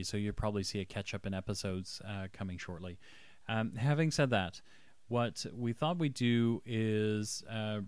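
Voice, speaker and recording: A man hosting a podcast in a casual, hesitant way, often pausing as he finds his words. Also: fairly low pitch, clean tone, no room sound. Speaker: podcast host.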